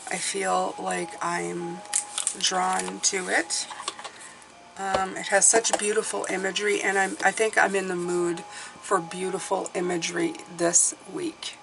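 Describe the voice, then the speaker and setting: A woman giving a casual mystical horoscope card reading as a tarot reader, musing and pausing as she thinks aloud, indoors at a table. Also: lowish voice, level tone, gravelly, low-quality recording. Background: soft classical music.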